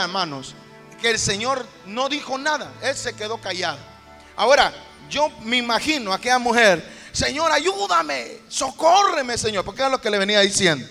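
Fervent pastor, high and bright, preaching in an echoing hall over faint music. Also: male voice. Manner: preaching with rising fervor, repeating phrases. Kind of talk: sermon. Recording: echoey hall with music behind.

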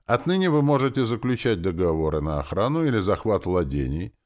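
A man's voice: fairly low pitch, very animated, brisk, voice pushed up. A man doing a formal magic system announcer. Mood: announcing.

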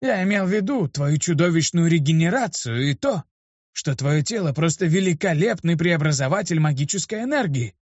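A man voicing a grumpy old male mage with a creaky, gruff voice, in a dull, dry lo-fi recording. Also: a little high, lively intonation, moderate pace, a little mellow, no room sound, voice pushed up. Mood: lecturing. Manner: gruff, scolding.

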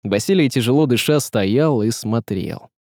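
Man narrating an audiobook with lively pitch. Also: normal speed, dry recording, clean studio sound. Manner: lively, dramatic storytelling.

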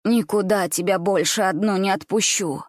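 A woman voicing a scheming old grandmother who talks slowly with false, soothing care. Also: medium pitch, dry recording, studio quality, close to an everyday voice. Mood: false sorrow. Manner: slow, soothing, falsely caring.

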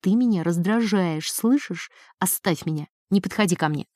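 A woman reading as a furious rich wife who scolds her husband in a shrill, scolding voice. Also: moderate pace, dark tone, no echo, clean studio sound, lightly acted. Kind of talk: audiobook character reading.

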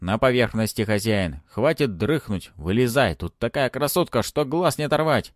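A man voices a formal male secretary reporting to his boss, in an animated mid-range voice at normal speed. He pitches it slightly above his own voice, staying close to everyday speech, and the studio-quality recording has no echo.

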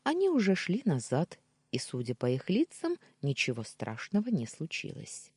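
A woman narrating a first-person story, expressive and giving the dialogue its own voices. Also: low-pitched, moderate pace, slightly rough, dry recording, clean studio sound. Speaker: audiobook narrator.

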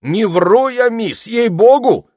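Male narrator voicing a sneaky toad spy, shrill and wheedling, loud. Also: big pitch swings, moderate pace, no room sound, studio quality. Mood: boastful. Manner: whiny, wheedling, cocky.

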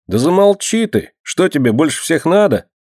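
A man voicing a stern but caring teenage boy who talks gruffly. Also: medium pitch, lively intonation, normal speed, warm tone, dry recording, clean studio sound, natural voice.

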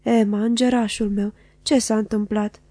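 A woman's voice: mid-range voice, little pitch movement, dark tone, no room sound, close to an everyday voice. A woman voicing an effusive, sentimental middle-aged husband in an audiobook reading. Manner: effusive, emotional.

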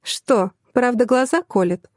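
A woman's voice: a little high, normal speed, a little mellow, no room sound, studio quality, lightly acted. A woman voicing a sly, mocking young female secretary with a smug, teasing manner, in an audiobook reading.

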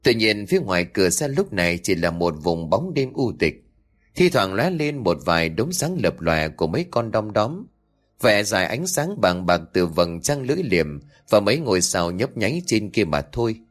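A man narrating a ghost story in an expressive, dramatic storytelling style. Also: on the low side, moderate pace. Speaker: audiobook narrator.

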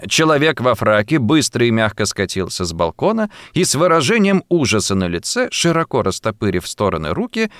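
A man's voice: mid-range voice, big pitch swings, fairly quick, few pauses, fairly bright tone, clean tone, dry recording, clean studio sound. A man narrating a literary story as an audiobook, reading expressively and dramatically.

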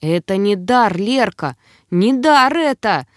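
A sly little male demon who gloats and teases with lecherous glee, as a woman reader puts him on. His lines swing up and down with lively pitch, close and dry with no room sound. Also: normal speed, no echo, natural voice. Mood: urgent. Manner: teasing, gloating, wheedling. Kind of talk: audiobook character voice.

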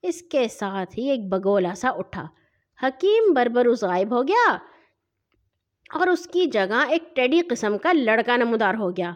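Woman narrator for kids' audio stories, high, lively voice, lo-fi. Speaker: storyteller. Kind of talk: children's story narration.

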